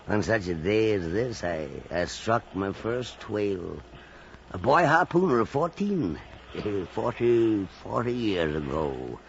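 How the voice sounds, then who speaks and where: An actor playing a weary, obsessed old whaling captain in a theatrical, halting old time radio drama style. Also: male voice, fairly low pitch, animated, gravelly, heavily acted. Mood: weary, brooding. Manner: theatrical, halting, repeating phrases. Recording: muffled, noisy old radio drama recording.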